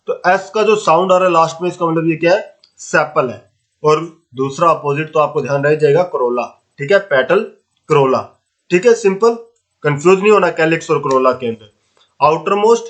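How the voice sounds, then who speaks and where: Male science teacher, slightly high voice, casual classroom delivery that keeps asking rhetorical questions. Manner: asks rhetorical questions and answers them himself; mixes English terms into Hindi speech, casual and encouraging. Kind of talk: classroom lesson explaining flower parts.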